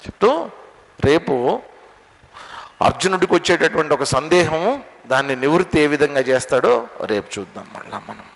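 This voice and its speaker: A spiritual teacher giving a religious discourse, telling stories and asking rhetorical questions. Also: male voice, a little high, sing-song, moderate pace, gravelly, pauses often. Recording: long hall reverb.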